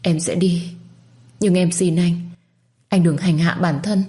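A woman's voice: on the low side, steady tone, takes it slowly, dark tone. A woman voicing a heartbroken young pregnant wife who pleads tearfully. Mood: pleading.

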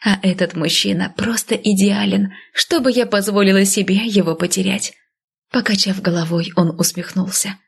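A woman narrating a first-person fantasy audiobook. She voices a headstrong heroine lively and dips into whispers. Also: mid-range voice, moderate pace, vocal fry, slightly rough.

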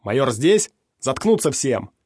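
A man voicing a commanding male stalker leader who barks hoarse orders in an audiobook. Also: medium pitch, quick pace, a little mellow, no echo, studio quality, close to an everyday voice.

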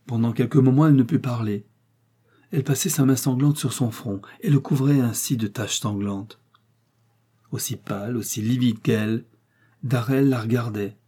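A man narrating a classic novel in a measured, dramatic reading. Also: lowish voice, dark tone, breathy edge. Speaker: audiobook narrator.

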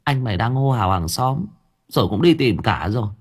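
A man voicing a distraught middle-aged village mother, with a high, wailing and anxious voice. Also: big pitch swings, moderate pace, husky. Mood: pleading.

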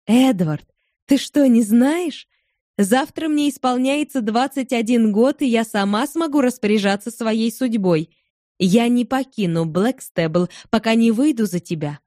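A woman reading as a passionate young woman of twenty-one, speaking eagerly and with emphasis, higher than her narrating voice. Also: measured pace, mellow, no room sound, clean studio sound, lightly acted. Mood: determined.

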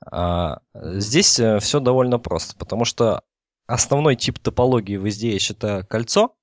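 A podcast guest with a lowish, animated voice explains telecom technology at a moderate pace, with no room sound. The discussion is informal and technical, and he feels his way through it while checking that listeners are following.

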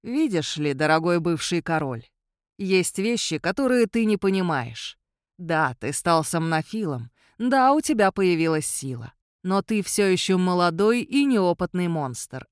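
A woman reading an audiobook voices an ancient male vampire count who speaks in a quiet, measured and coolly superior way. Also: sits high, lively intonation, smooth, dry recording, studio quality. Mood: cool, menacing. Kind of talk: audiobook character voice.

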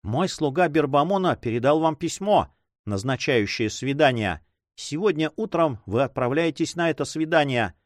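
A man's voice: a little high, expressive, normal speed, dry recording, studio quality, pitched above the performer's own voice, close to an everyday voice. A man voicing an anxious, pleading noblewoman who runs an inn, in a raised voice in an audiobook. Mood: urgent. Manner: insistent, pleading.

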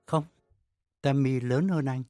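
A man voicing a calm, firm young son in an audiobook story, answering briefly and plainly. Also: mid-range voice, takes it slowly, dry recording, soft background music, voice pushed up, lightly acted.

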